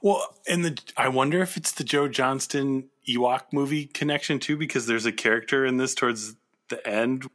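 A man's voice: medium pitch, normal speed, a bit bright. A man co-hosting a casual discussion show, chatting in a conversational way. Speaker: podcast host. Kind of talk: casual chat, pop-culture discussion.

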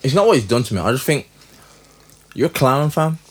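A man's voice: medium pitch, big pitch swings, brisk, breathy edge. Emphatic London roadman, casual and slangy. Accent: London, urban street style. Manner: emphatic, repeats phrases insistently. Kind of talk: casual, opinionated chat.

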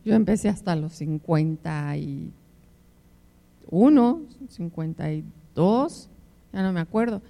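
A woman's voice: fairly low pitch, lively intonation, takes it slowly, vocal fry, warm tone. An older woman preaching to married couples, telling emotional personal stories and calling the listeners her beloved ones. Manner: emotional storytelling with personal anecdotes. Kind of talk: conversational sermon.

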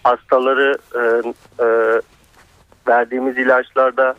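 A man, a pharmacist, calling into a radio show over a landline phone, pausing and hesitating often. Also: medium pitch, completely flat delivery, no echo, highs cut off. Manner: halting, full of hesitations. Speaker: caller, pharmacist.

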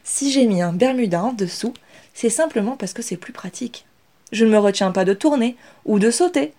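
A woman voicing Inès, a young female rat who speaks calmly and with assurance. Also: a little high, normal speed. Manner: calm, steady.

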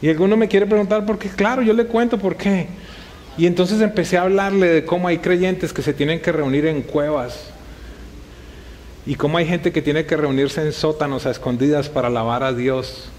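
A pastor delivers a sermon in a raised, fairly high male voice. He keeps it conversational, leaning on rhetorical questions aimed at his congregation. The delivery sounds like live preaching in front of a gathered church. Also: normal speed, darkish tone, a little hiss or hum.

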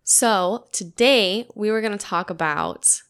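A woman in her late twenties hosting a casual podcast, chatting in an animated way with lots of "like" fillers. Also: mid-range voice, takes it slowly, clean tone. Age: 20s. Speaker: podcast host.

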